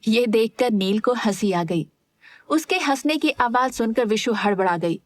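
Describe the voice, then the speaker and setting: A woman narrating a serialized romance audio drama in a steady storytelling manner. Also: fairly high pitch, measured pace, no echo, clean studio sound. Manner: steady storytelling, voices all parts.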